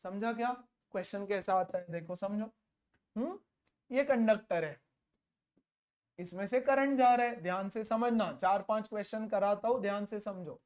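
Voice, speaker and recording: A male teacher giving a classroom physics lesson, repeating key terms slowly and mixing in English, playful and acting out little imagined exchanges. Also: sits high.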